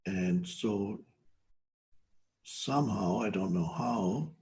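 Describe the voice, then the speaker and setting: An older man giving a guided meditation talk as a spiritual teacher, slow and hesitant, with long pauses between phrases. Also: fairly low pitch, darkish tone, rough recording.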